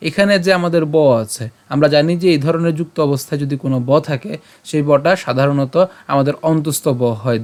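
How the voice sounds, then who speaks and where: Guy teaching verse recitation online, kinda high voice, goes syllable by syllable and chants lines slow. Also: darkish tone. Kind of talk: online pronunciation lesson.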